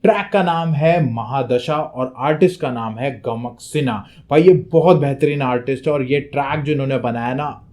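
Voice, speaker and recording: A man's voice: mid-range voice, moderate pace, hardly any pauses, darkish tone. A young man co-hosting a rap reaction show, chatting casually in Hindi and English and explaining rhyme technique at length. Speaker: co-host reacting to a rap track.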